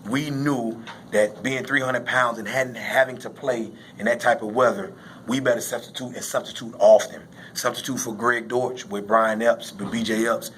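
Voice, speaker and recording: A man's voice: medium pitch, steady tone, normal speed, fairly bright tone, rough recording. Emphatic male football coach, some background noise. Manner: emphatic, repetitive phrasing. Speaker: high school football coach. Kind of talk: postgame interview, casual explaining.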